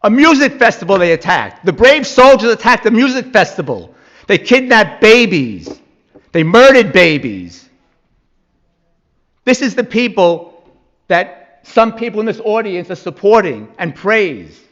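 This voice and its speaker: A man's voice: high voice, sing-song, measured pace, a bit bright. A man giving an impassioned public comment at a city council meeting, pressing his point with rhetorical questions. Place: council chamber.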